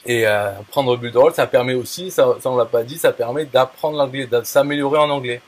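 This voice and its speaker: Speaking briskly at medium pitch, this affiliate marketer addresses a viewer in a casual, blunt way. His speech is packed with fillers, restarts and crude slang.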